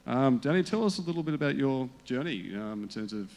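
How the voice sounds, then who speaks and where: A man's voice: mid-range voice, expressive, fairly quick, vocal fry, a little mellow, low-quality recording. A man moderating a panel chat, talking conversationally with many ums and uhs. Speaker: panel host.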